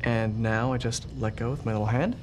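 A young man demonstrating software in an office, explaining step by step with hesitant fillers. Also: mid-range voice, fairly even intonation, fairly quick, noisy background. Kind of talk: product demonstration. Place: indoor office.

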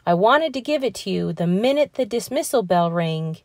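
A woman's voice: medium pitch, animated, moderate pace, darkish tone, dry recording, clean studio sound, lightly acted. Woman reading as an earnest, sincere young schoolboy. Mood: relieved, sincere. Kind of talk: children's storybook character reading.

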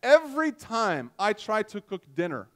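High-voiced male pastor preaching conversationally. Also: big pitch swings, normal speed. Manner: conversational, self-deprecating storytelling with gestures. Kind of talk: sermon. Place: church stage, indoors. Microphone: headset mic.

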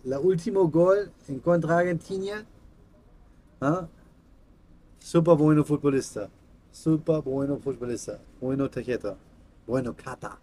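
Slow, halting man with German accent. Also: a little high, dark tone, slightly rough. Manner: halting, simple broken phrasing. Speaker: host of a card-opening channel. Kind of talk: casual vlog chat in halting non-native Spanish. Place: small room indoors.

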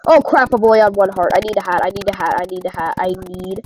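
A young woman giving casual, rambling commentary over her own gameplay, excitable and laughing often. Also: mid-range voice, fast talker, slight background noise, poor audio. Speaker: gaming channel host.

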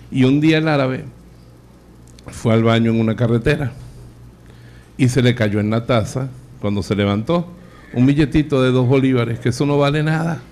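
A man's voice: medium pitch, darkish tone. A man, a priest giving a live sermon, telling jokes and acting out the characters. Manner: acts out joke characters with voice changes. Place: church or chapel hall, live audience. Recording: live radio broadcast, faint noise.

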